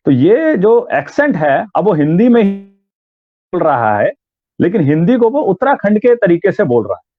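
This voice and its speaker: Very animated yet measured in pace, this high-voiced man from Uttarakhand, India is interviewed about voice training, demonstrating sounds as he goes. He works as a voice and theatre artist, and the audio comes over a dry, tinny, phone-like line.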